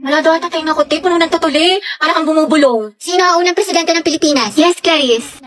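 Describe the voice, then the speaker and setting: A high-pitched woman plays out silly classroom scenes in a teasing, slang-heavy way. There is a faint hiss of noise under her voice. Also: fast talker, fairly bright tone. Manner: playful, teasing, lots of slang. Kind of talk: comedic school skits and vlog narration.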